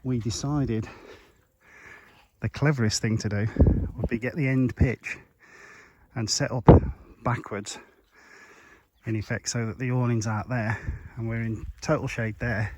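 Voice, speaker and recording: A man's voice: medium pitch, fairly even intonation, unhurried. A man hosting a casual travel vlog, chatting and joking to the camera while outdoors at a campsite and on walks. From England. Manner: chatty, jokey, narrating to camera. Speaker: vlog host. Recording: outdoor recording with clear background noise.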